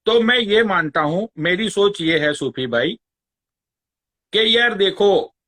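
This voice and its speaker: Slow taunting man on a live stream. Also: high-pitched, expressive, sharp tone. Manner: sarcastic, taunting, swears often. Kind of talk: ranting live-stream chat. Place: Long Island, New York.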